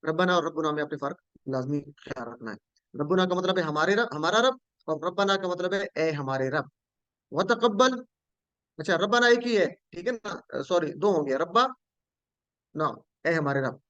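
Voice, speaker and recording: A man's voice: a little high, lively intonation, normal speed, fairly bright tone, no echo, muffled recording. A man teaching a Quranic Arabic lesson, patiently repeating each word and quizzing his students.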